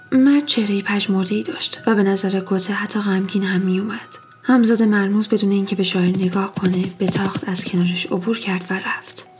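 A woman narrating eerie stories in a soft, hushed voice. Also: medium pitch. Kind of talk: storytelling narration.

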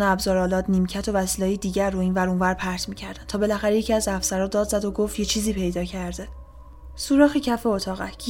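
Woman narrating horror in hushed tones. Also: mid-range voice. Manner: hushed, often dropping to a whisper. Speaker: storyteller.

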